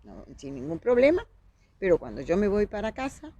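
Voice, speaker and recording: A woman's voice: mid-range voice, very animated, normal speed, dark tone, slight background noise. A woman with a Uruguayan accent, a podcast guest recounting events vividly and acting out the dialogue she quotes. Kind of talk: storytelling in conversation.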